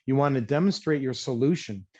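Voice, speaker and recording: Energetic man teaching sales on a webinar. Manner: energetic, self-described high-wire talker; deliberately slowed, explanatory pace. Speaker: marketing trainer. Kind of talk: webinar presentation. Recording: dull lo-fi webinar audio.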